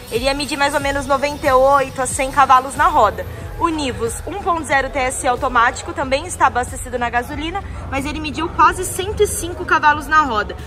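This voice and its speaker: A woman narrates a voice-over, explaining technical figures in a steady way. Her voice sits high. Clear background music runs under her throughout. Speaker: voice-over narrator of test results.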